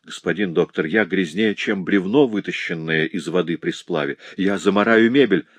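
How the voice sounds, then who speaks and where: A man reading an audiobook, voicing a rough, big-hearted male knife-fighter who blurts out eager exclamations. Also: low-pitched, moderate pace, dry recording. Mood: excited.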